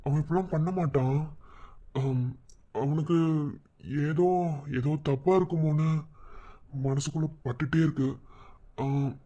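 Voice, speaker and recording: A performer voicing an anxious young village woman in a cartoon, who speaks haltingly and repeats her words. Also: mid-range voice, steady tone, mellow, dull audio, close to an everyday voice. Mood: worried.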